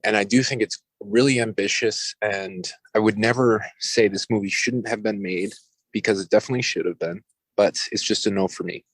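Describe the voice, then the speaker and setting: A man with a low voice, speaking bluntly and at length about a film. He talks casually on a podcast. The sound is dry and close to the mic. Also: fairly even intonation, a little fast, dry recording, low-quality recording. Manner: blunt, candid, rambling opinions. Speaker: podcast co-host. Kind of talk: casual movie discussion.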